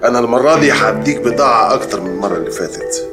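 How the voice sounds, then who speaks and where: An actor playing a calm, commanding Egyptian crime boss giving orders. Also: male voice, medium pitch, racing, music in the background, natural voice. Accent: Egyptian Arabic. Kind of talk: TV drama acting. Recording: roomy echo.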